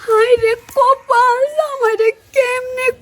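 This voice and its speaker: A woman playing a wailing young village wife with a very high voice. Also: normal speed, background noise. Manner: wailing, lamenting. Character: tearful young village wife, dramatic and cursing.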